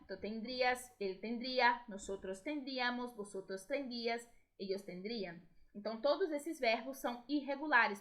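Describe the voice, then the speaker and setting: A woman's voice: a little high, fairly bright tone. A woman with a Brazilian Portuguese accent, a Spanish teacher explaining grammar in a recorded video lesson and often checking in with her students. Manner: explanatory, tag questions to students.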